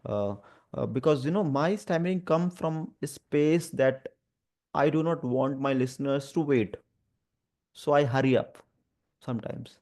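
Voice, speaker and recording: An Indian man whose medium-pitched voice is a little mellow speaks about his lived experience in conversation. He stammers, repeating sounds and hitting blocks, and his phrasing stays hesitant, halting, and earnest.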